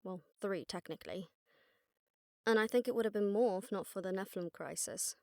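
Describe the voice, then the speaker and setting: A woman voice actor plays a sharp-tongued witch detective in an intimate, conversational audio drama, explaining things casually and wryly like a seasoned investigator briefing an exasperating partner. Her mid-range voice has a pronounced creak, runs fairly quick, and sounds close to everyday speech, in a very dry recording with no echo. She comes across as pondering.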